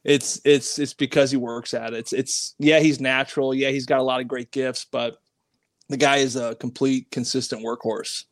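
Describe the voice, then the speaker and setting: A man's voice: medium pitch, normal speed. A former pro hockey player, a man, guesting on a podcast and telling stories in a casual, rambling way with lots of fillers. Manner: rambling, animated, many fillers.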